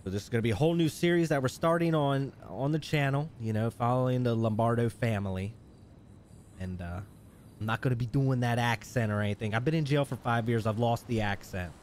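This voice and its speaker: A man's voice: mid-range voice, darkish tone, a little hiss or hum. A man hosting a live game stream, chatting casually, reading out viewer messages and laughing often. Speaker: streamer and host. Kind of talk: live stream chat and roleplay commentary.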